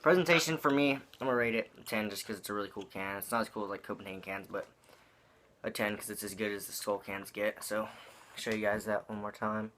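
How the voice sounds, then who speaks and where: A man's voice: lowish voice, fast talker, fairly bright tone, slight background noise. A young man talking with chewing tobacco in his mouth, giving a casual, rambling, slangy product review with some swearing.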